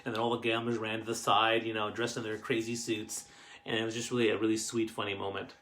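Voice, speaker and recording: Hosting a family show, a middle-aged man from Canada's Maritimes tells personal stories straight to camera in a casual, rambling way, halting and circling back as he goes. His voice is bright and forceful yet fairly low, with little pitch movement.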